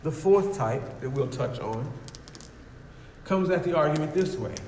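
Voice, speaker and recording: A male preacher delivers a sermon in slow, emphatic phrases and speaks straight to his congregation. His slightly high voice rings with long reverb through the hall, over faint noise. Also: expressive, darkish tone.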